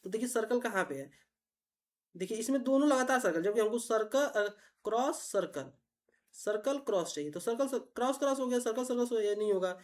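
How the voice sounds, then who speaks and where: Patient woman teacher, a bit high. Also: lively intonation, a little fast, darkish tone. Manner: patient, repetitive, checks understanding often. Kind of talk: explaining reasoning puzzles step by step.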